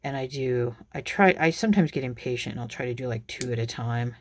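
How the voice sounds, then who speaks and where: A woman's voice: extremely low pitch, brisk, a little hiss or hum. A woman talks through her crafting work in a loose, unscripted way. She rambles, restarts her sentences and fills the gaps with ums as she demonstrates each step. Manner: chatty and rambling, many ums and restarts, laughs at herself. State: has the hiccups. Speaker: craft video maker.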